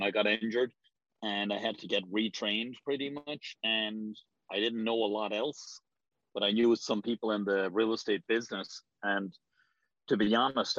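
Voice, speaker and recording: A man's voice: medium pitch, dry recording. A man in his forties with an Irish accent, answering interview questions in a rambling, hesitant way with frequent ums. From Ireland. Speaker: real estate agent, guest. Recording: dull lo-fi sound.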